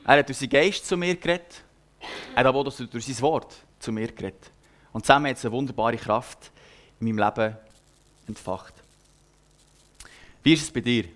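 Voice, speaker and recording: A young man preaches with a Swiss lilt in his Standard German. He tells a personal story in an earnest, chatty way and often pauses to hesitate. His voice sits at an ordinary middle pitch. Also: fairly bright tone. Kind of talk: personal sermon.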